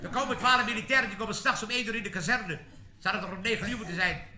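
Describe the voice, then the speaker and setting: Animated joke-telling man, echoey vinyl. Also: high voice, very fast, noisy background. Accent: Amsterdam. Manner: animated, laughing often, switching into character voices. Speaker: comedian telling jokes. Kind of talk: stand-up joke telling on a live record. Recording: echoey 1950s vinyl recording.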